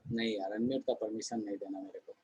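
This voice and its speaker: A man's voice: fairly low pitch, steady tone, fast talker, warm tone, slightly rough, rough recording. A man teaching a chemistry class online in a conversational way, often asking the students questions and answering them himself.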